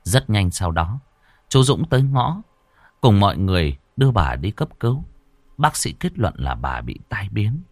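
Guy reading a ghost story, super lively pitch, dry close mic. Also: moderate pace, dry recording. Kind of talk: horror story narration.

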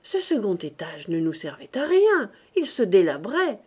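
A woman narrator voicing a brusque, irritable middle-aged husband in a storybook reading, loud and peevish. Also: medium pitch, very animated, measured pace, breathy edge. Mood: explaining.

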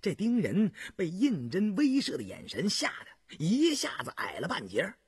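Man reading a historical novel, really husky voice, pitch swings all over, faint music behind. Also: normal speed, dry recording, studio quality. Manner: storyteller delivery, expressive. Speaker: audiobook narrator. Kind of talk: scripted historical novel narration.

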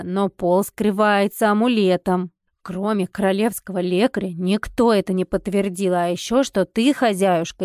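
A woman voicing a sly male household helper, telling gossip slowly and conspiratorially. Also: mid-range voice, a little mellow, no echo, clean studio sound, natural voice.

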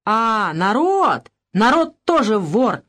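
A woman voicing a furious, greedy old peasant man who yells in a hoarse, wheezing rage, in a spoken storybook. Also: mid-range voice, animated, a little slow. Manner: yelling in a rage.

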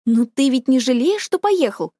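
A woman voicing a gentle teenage girl who talks in a soft, coaxing way. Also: sits high, lively intonation, normal speed, no room sound, clean studio sound.

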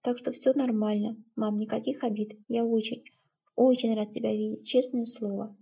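A woman's voice: fairly high pitch, level tone, normal speed, creaky, dark tone, slightly rough, exaggerated voice. Woman reading as an earnest young man. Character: young man, cheerful, warm, earnest stepson.

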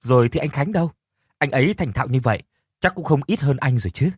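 A man's voice: mid-range voice, expressive, quick pace, a little mellow, breathy edge, no room sound, pitched above the performer's own voice. A man voicing a young village wife who fusses over her husband and exclaims at his news, in a dry audio storybook recording. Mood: questioning. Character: young village wife, anxious then overjoyed.

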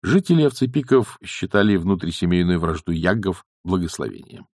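A man reading an audiobook in a theatrical, lively way. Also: sits low, moderate pace, no room sound, clean studio sound. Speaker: audiobook narrator.

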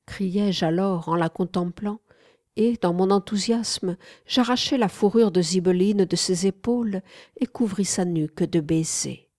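A woman narrating a literary audiobook in a measured, calm way. Her voice is mellow and warm at an unhurried pace, and the recording is dry and close. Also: lowish voice, no room sound.

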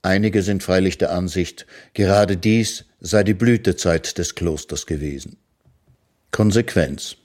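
In a low voice, a man reads his own short philosophical prose aloud, calm and measured, like a literary reading on the radio.

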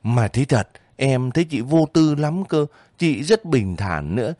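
A man voicing a lively, homesick young girl soldier who talks eagerly and breaks down in tears, in an audiobook reading. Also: medium pitch, a little slow, no room sound, clean studio sound, voice pushed up. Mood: chatty. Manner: chatty, emotional, breaks into crying.

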